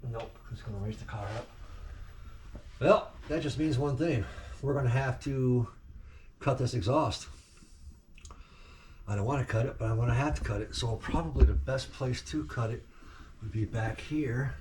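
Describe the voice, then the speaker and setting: A man's voice: mid-range voice, normal speed, long pauses, darkish tone. A man doing a casual restoration vlog, chatting to the camera while he wrenches on a car in his home garage, with no clip-on mic. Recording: noisy garage with tool clicks.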